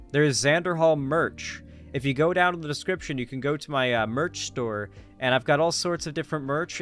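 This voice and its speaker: A man's voice: medium pitch, a bit bright. A man hosting a livestream, chatting and reacting in a casual, rambling, profane way. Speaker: livestream host.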